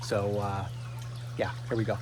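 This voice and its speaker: A man's voice: lowish voice, completely flat delivery, unhurried, noisy background. A middle-aged man talking casually to camera outdoors, hesitant and reluctant. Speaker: vlogger. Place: outdoors beside a cold plunge barrel.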